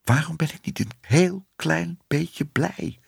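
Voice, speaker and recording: A man voicing a shy, kind young male reporter in a storybook, talking softly to himself. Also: on the high side, slow pace, gravelly, slightly rough, no room sound, studio quality, pitched above the performer's own voice, heavily acted. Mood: brooding.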